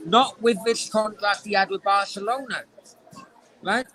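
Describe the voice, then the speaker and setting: A man's voice: sits high, steady tone, unhurried, a crowd in the background, low-quality recording. A young man in a heated casual chat, insistent and sweary, talking over the others. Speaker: podcast guest.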